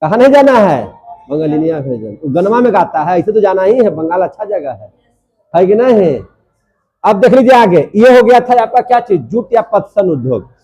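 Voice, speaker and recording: A man's voice: high voice, big pitch swings, normal speed, dark tone, husky. A young man teaching a class, drilling students by asking questions and repeating each answer. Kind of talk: classroom lecture.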